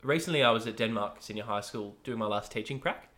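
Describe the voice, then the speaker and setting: A young Australian man hosting a podcast, loud and lively, with a bright, forceful voice. He rattles along quickly and laughs easily between thoughts. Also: lowish voice. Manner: loud, energetic, laughs often. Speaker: podcast host. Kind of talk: casual podcast chat.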